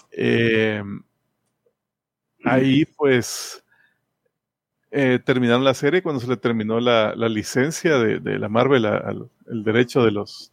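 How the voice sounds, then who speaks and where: Guy, gravelly voice, rambling on about comics, lots of ehs, dry sound. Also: mid-range voice, no echo. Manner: rambling, hesitant, many fillers and restarts. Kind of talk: casual chat retelling a comic story.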